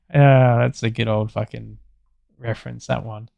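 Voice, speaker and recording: An Australian man with a creaky, mid-range voice co-hosts a podcast, rambling through stories in casual chat with plenty of swearing and laughter. The recording is dry.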